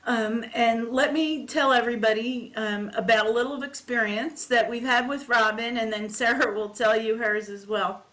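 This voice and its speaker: A woman hosting a relaxed morning chat, her voice sitting a little high. She tells stories in a chatty, giggly way and often laughs between lines. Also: moderate pace, hardly any pauses. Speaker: host. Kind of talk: casual chat.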